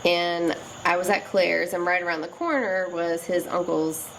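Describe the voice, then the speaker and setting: A woman with a low pitch and a gravelly voice chats casually, teasing her partner and correcting his story. Faint noise hangs behind her voice. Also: moderate pace, fairly bright tone, rough recording. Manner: teasing, cuts in to correct him. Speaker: co-host, partner. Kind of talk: casual chat.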